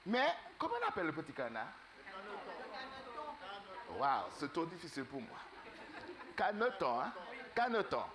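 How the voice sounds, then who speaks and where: A man preaching in a church, telling a fable to the congregation in an animated, halting way and quizzing them. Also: a little high, crowd noise. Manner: animated, asks the congregation questions; halting, many fillers. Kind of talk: sermon storytelling.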